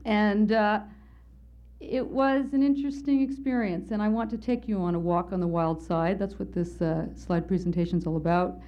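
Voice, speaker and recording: A woman's voice: mid-range voice, fairly even intonation, moderate pace, dark tone. A woman speaker at a conference telling a candid, wry personal story as part of her lecture. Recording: slightly muffled lo-fi lecture recording.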